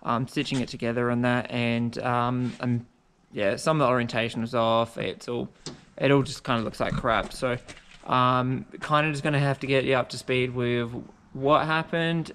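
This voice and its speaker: A man's voice: mid-range voice, a bit bright, slight background noise. A man chatting casually as a car build vlogger, laid-back, sweary and full of slang. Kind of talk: casual chat.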